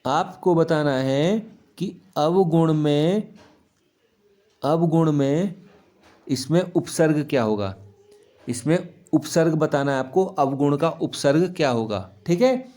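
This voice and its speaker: A man's voice: fairly high pitch, measured pace, warm tone. Man teaching a grammar lesson. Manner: asks the class questions and answers them himself; repeats key words, checks in with "clear?". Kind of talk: Hindi grammar lesson for children.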